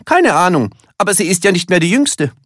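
A man voicing an excitable young male elephant in a children's storybook, calling out eagerly. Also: sits high, a little fast, no echo, clean studio sound, voice pushed up, exaggerated voice.

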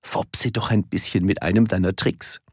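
A man's voice: low-pitched, fairly even intonation, normal speed, a little mellow, husky, no room sound, clean studio sound. A man voicing a cheerful, playful young male elephant in a children's storybook.

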